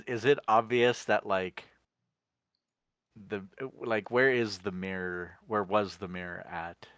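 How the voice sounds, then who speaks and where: A man's voice: low voice, a bit bright, smooth, dry recording. A man playing a tabletop role-playing game, narrating his character's actions with hesitant fillers. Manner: hesitant, with many fillers and restarts. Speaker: tabletop role-play player.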